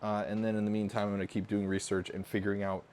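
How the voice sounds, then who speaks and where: A man's voice: fairly low pitch, monotone, fast talker, darkish tone, a little hiss or hum. A man hosting a casual car repair vlog, chatty and upbeat, talking straight to his viewers. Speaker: car channel host.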